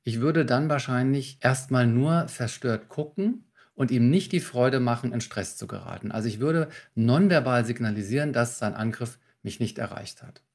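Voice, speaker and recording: A man, a communication trainer, calmly explaining techniques in a podcast interview, with examples. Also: mid-range voice, normal speed, hardly any pauses. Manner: calm, instructive, walks through techniques with examples.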